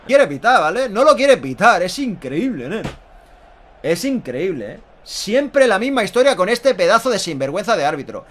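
Guy from spain accent doing spanish football goal commentary on stream, high sharp voice, really emphatic, repeats stuff, noisy audio. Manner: emphatic, repetitive, swearing and exclaiming. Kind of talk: Spanish live goal commentary, excitable fan reaction stream. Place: small indoor room at home.

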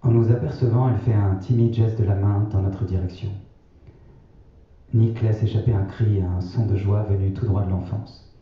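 A man reading his own novel aloud in a measured, sober way. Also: fairly low pitch, fairly even intonation. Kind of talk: literary reading. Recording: echoey, distant, slightly dull.

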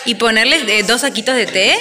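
A woman's voice: a little high, a little fast. A young woman with an Argentine accent from Entre Ríos, chatting upbeat as she vlogs on a phone. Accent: Argentine Spanish. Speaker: vlogger. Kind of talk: casual vlog. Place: busy hostel common area indoors. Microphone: handheld phone camera. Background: crowd chatter.

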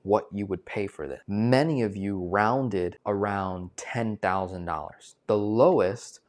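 A man in his twenties, a financial coach, giving an animated direct-to-camera sales pitch on a lapel mic, often tagging lines with "right?". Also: unhurried. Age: 20s. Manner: animated, gesturing, many filler "right?" tags. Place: indoor studio with plain backdrop.

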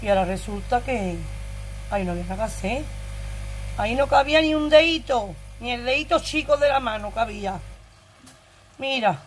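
A woman's voice: fairly high pitch, expressive, normal speed, long pauses, a little hiss or hum. Blunt earthy Andalusian woman storyteller. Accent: Andalusian Spanish. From Andalusia, Spain. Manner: earthy, blunt and emotional, swears freely. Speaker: vlogger. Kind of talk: casual storytelling to viewers.

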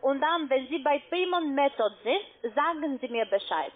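Heard through a muffled, tinny phone line, an expressive high-voiced woman calls from an office on behalf of an online trading platform. Her delivery is halting and insistent as she instructs step by step, like she's reading a sales script.

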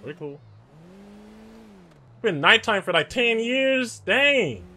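A young man giving nervous, excitable commentary while playing a game, yelling when chased. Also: sits high, takes it slowly. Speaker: gaming YouTuber.

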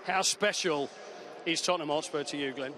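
A middle-aged man interviewing a guest pitchside with a handheld mic, effusive and enthusiastic in his questions. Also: moderate pace, a crowd in the background. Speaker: club TV interviewer. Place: outdoor stadium pitchside.

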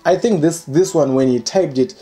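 Young guy vlogging to camera, joking and playful, warm mellow voice, faint music behind. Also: fairly high pitch, normal speed. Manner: playful, animated, reading comments aloud and joking. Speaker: channel host. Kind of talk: casual comedic commentary. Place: indoor room by a curtained window.

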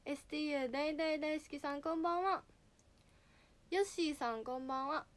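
On a casual livestream, a teenage girl idol talks fairly quickly in a high voice with a slightly nasal tone. She reads out the names of her viewers and greets them in a bright way.

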